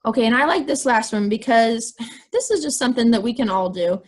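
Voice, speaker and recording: A woman with a squeaky, fairly high voice gives an informal, encouraging wellness talk to students. She speaks in a chatty way, full of fillers. The sound is that of a video call. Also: lively intonation, a little fast. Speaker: wellness presenter.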